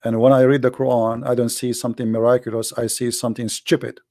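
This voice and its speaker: Speaking directly to viewers, a man preaches bluntly and emphatically on his daily livestream; Arabic is his first language. His medium-pitched voice is gravelly yet mellow, quick-paced, with a flat delivery. The audio is close and dry, with no echo.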